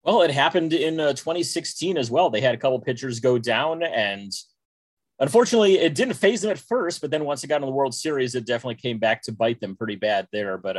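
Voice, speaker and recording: A man from Texas co-hosting a sports podcast, talking in a smooth, measured radio-announcer way. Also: medium pitch, dry recording. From Dallas, Texas, US. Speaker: podcast co-host. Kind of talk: casual podcast chat.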